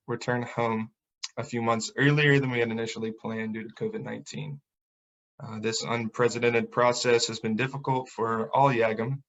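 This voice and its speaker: A man giving earnest, measured prepared remarks in an online presentation. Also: fairly low pitch, a bit bright, highs cut off.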